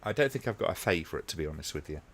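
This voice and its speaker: A man hosting a casual watch-along live stream, talking to his chat in a relaxed, rambling way with many ums. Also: low-pitched, racing.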